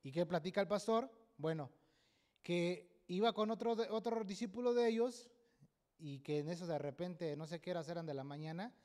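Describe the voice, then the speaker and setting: A man's voice: high voice, animated, moderate pace, darkish tone. A man preaching a sermon at a church service, emphatic and often checking in with a questioning "right?". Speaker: pastor.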